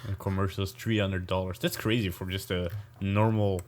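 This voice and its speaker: Low-voiced Belgian man, easygoing podcast chat. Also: level tone, normal speed. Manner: easygoing, laughs often, hesitant with fillers. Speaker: podcast co-host. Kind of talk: casual chat.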